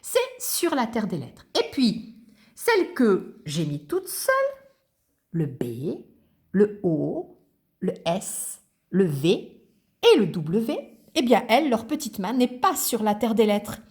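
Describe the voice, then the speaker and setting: A woman's voice: mid-range voice, very animated, slow pace, long pauses, darkish tone. A woman teacher patiently explaining cursive handwriting to young children, step by step.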